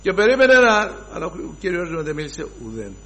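A man preaching a sermon to his brothers, emphatic, swinging from loud exclamations to hushed asides and reciting scripture in formal archaic wording. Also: high-pitched, big pitch swings, dull audio. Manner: addresses the listeners as brothers.

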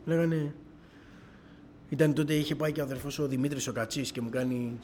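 A middle-aged man giving a personal testimony to a church gathering, telling his story as an animated storyteller who keeps quoting dialogue. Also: mid-range voice, a little hiss or hum.

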